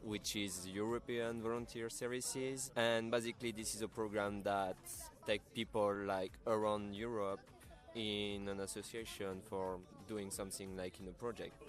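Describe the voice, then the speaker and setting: Flat-voiced young Frenchman. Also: lowish voice. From France. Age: 20s. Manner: explains plainly, uses "basically". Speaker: guest volunteer.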